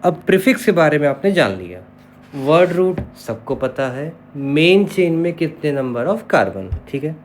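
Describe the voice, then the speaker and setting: A man's voice: fairly high pitch, very animated, a little slow, a little hiss or hum. A man teaching an online chemistry lesson, who spells terms out letter by letter and keeps checking in with his students. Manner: explanatory, checks in with repeated "okay".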